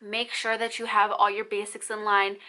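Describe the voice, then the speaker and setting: Bright-voiced chatty young mom vlogger. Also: female voice, mid-range voice, little pitch movement. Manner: fast, chatty and encouraging. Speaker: parenting vlogger. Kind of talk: casual Q&A vlog.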